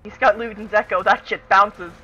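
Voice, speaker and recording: A woman streaming a team game, chatting casually with friends, playful and goofy, often laughing and shouting. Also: mid-range voice, steady tone, moderate pace, muffled recording, slight background noise. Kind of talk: casual gaming chat with friends.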